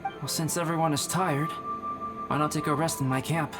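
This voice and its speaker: A man playing a calm, polite, analytical young alchemist in a video game, speaking gently and matter-of-factly. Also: fairly high pitch, loud music behind the voice, close to an everyday voice. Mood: polite, hospitable. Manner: measured, matter-of-fact, gentle. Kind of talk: animated video game voice acting.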